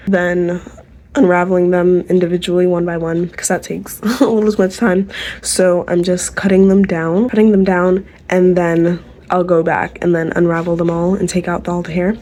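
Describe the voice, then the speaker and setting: A woman's voice: on the low side, little pitch movement, normal speed, dark tone, a little hiss or hum. A teenage girl chatting casually to her viewers in a home vlog, giggly and tired, with a sore throat. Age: teens. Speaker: vlogger.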